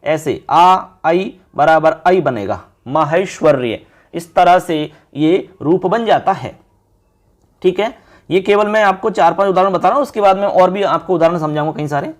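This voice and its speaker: A high-voiced man teaching a grammar lesson. He works through each example patiently, asking the class a question and answering it himself. Key syllables come out slow and drawn out as he writes them on a board. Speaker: Sanskrit teacher.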